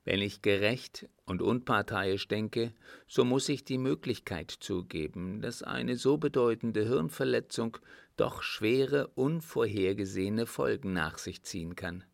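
A polite young army officer answers in calm, measured, formal tones, as a male reader gives him voice. The voice is low and gravelly. The storybook recording is dry and close. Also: dry recording. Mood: resigned.

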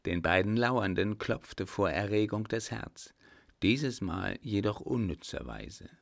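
A man reading a novel aloud as narrator, in a steady, measured way. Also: on the low side, creaky, dry recording, clean studio sound. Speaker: audiobook reader. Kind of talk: scripted narration.

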